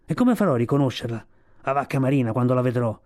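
A man voicing an eager young male fur seal in a storybook reading, calling out in a high, urgent voice. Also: expressive, fast talker, darkish tone, lightly acted.

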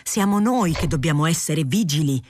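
A woman's voice: low-pitched, lively intonation, moderate pace, a little mellow, no echo, clean studio sound, pitched above the performer's own voice. A woman voicing an authoritarian, condescending male newspaper director with a brusque, lecturing manner, in a literary audiobook.

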